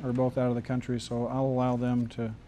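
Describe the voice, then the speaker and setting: A man's voice: mid-range voice, completely flat delivery, a little fast, mellow, slight background noise. A man teaching a screenwriting class in a loose, joking way, often restarting his sentences. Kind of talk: casual classroom talk.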